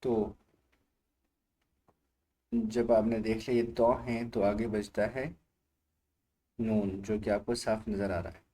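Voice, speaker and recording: Slow patient guy teaching letters one by one, low mellow voice, keeps asking you to say it back. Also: flat delivery. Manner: patient, repeats each letter and asks the learner to say it aloud. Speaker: Quran reading teacher. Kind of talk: slow letter-by-letter recitation lesson.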